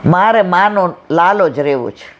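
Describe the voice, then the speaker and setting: A woman's voice: on the low side, lively intonation, moderate pace, lo-fi sound, a little hiss or hum. Older woman giving a devotional talk. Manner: storytelling, acting out family anecdotes. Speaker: devotional speaker. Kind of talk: devotional satsang discourse.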